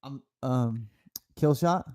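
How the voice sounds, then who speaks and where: A man's voice: medium pitch, takes it slowly, darkish tone. A man co-hosting a casual podcast chat, laughing often, swearing freely and playing with words. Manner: laughs often, profane, playful wordplay. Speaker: podcast co-host.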